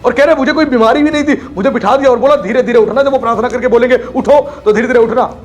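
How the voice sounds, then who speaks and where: A man's voice: very high voice, racing, dull audio, faint music behind. A man preaching a sermon with passion, acting out the people he describes as he goes. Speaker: pastor.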